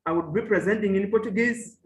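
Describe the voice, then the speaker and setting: On a video call for an online academic panel, a professor from Mozambique speaks in a high voice. Chewa is his first language, and his delivery is measured and halting, full of fillers and restarts. The room is echoey, with a little hiss or hum.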